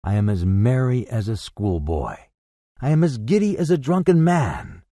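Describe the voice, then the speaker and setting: A man's voice: a little high, huge pitch swings, unhurried, mellow, no echo, clean studio sound, full character voice. A man voicing an old Victorian miser, repentant and fervent, in an exclamatory, swooping storybook performance. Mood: giddy joy. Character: elated repentant old miser, giddy, pleading, Victorian Englishman.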